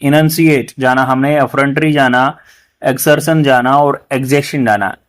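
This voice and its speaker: A man with an Indian English accent teaching English vocabulary in Hindi, explaining each word and reading English sentences slowly and carefully. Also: mid-range voice, fairly even intonation. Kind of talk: newspaper reading lesson.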